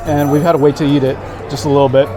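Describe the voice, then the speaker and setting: A man's voice: on the high side, flat delivery, rapid-fire. A man giving a casual food review to camera, savoring what he eats with delighted approval. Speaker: food vlogger. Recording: background music and crowd chatter.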